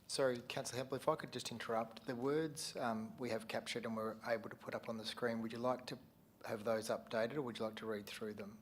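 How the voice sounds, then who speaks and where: A man's voice: mid-range voice, steady tone, fast, slight background noise. An Australian man, the council CEO, answering questions carefully with many fillers. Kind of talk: formal official answer.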